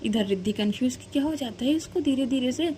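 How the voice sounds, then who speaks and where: Woman telling a story like chatting w a friend, slangy, kinda high voice, faint hum behind. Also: expressive, quick pace, mellow. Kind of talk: casual spoken storytelling.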